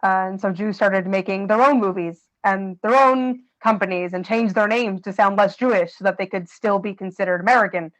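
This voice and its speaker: Woman, podcast co-host, thoughtful, explanatory, midrange pitch. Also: fairly even intonation, fairly quick, few pauses, poor audio. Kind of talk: casual podcast discussion.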